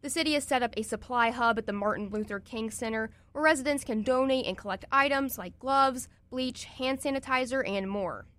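Young female campus radio anchor, bright-pitched and even. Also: fairly quick, few pauses. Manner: steady, even newsreading. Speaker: college radio news anchor. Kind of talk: read news bulletin.

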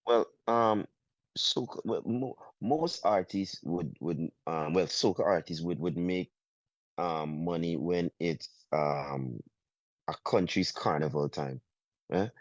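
Deep-voiced Guyanese man, halting. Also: no echo. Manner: halting, many restarts, drawn-out phrases. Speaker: soca artist. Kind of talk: casual interview. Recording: dull, muffled sound.

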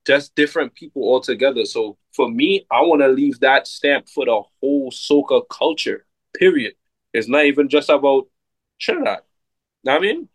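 A man, a soca artist chatting casually in an interview, relaxed and full of fillers. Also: medium pitch, normal speed, no echo, low-quality recording. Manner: relaxed, laid-back, many fillers like "like" and "you know what I mean".

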